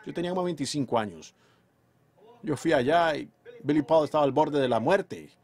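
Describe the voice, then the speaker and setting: A man delivering a fervent sermon in a voice pitched a little high. He drives his points home emphatically, then drops to a hushed tone for personal stories. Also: a little fast. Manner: emphatic, swings from loud declarations to quiet storytelling. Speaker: preacher.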